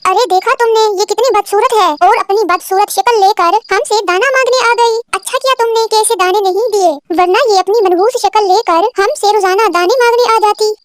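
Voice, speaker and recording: A woman voicing a spiteful, gossipy female sparrow in a cartoon story, loudly sneering and egging on her friend. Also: extremely high pitch, normal speed, hardly any pauses, no room sound.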